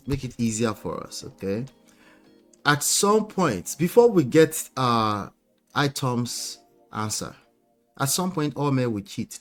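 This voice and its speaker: A man's voice: medium pitch, a bit bright. A man hosting a live stream, reacting to clips with rhetorical questions and frequent laughter. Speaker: host.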